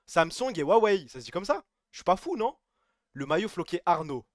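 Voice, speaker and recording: Male streamer, high voice, dry close mic, rowdy joking chat with chat. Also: a little fast, no echo. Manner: animated, joking, reads chat aloud, swings loud and soft. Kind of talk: casual late-night stream chat.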